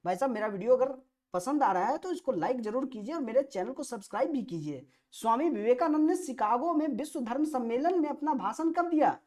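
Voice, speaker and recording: Her voice sits a bit high and sounds a little mellow. She's a woman with an Indian accent running a quiz-format history lesson for exam prep, reading the questions and walking through the answers with emphatic repetition of the key phrases.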